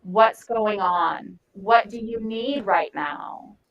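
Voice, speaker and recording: A woman's voice: medium pitch, slow pace, gravelly, highs cut off. A woman giving a volunteer training talk, blunt and profane, acting out example phrases.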